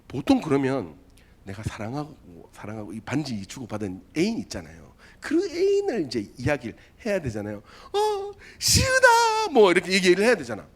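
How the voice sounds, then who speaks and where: A man preaching a sermon to teenagers as their youth pastor in a church, telling a story in an animated way and acting out the voices. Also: mid-range voice, brisk, breathy edge.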